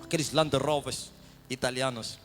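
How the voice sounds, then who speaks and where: A man preaching a testimony sermon, swinging from loud shouted praise to hushed whispers. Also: mid-range voice, steady tone, normal speed, faint music behind.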